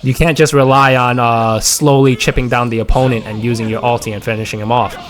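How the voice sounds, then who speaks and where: A man's voice: medium pitch, flat delivery, a little fast, faint music behind. A man giving casual gameplay commentary, rambling with lots of fillers and restarts. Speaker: gaming content creator.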